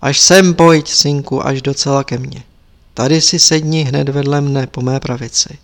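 A man's voice: mid-range voice, steady tone, close to an everyday voice. A man voicing a stern, wise old male lama teacher, speaking in a grave, instructive way as he reads a story aloud. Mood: tender. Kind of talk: audiobook character reading.

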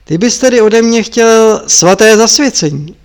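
A man voicing a stern, furious old male master who yells and scolds harshly. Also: high voice, animated, pitched above the performer's own voice. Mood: gruff.

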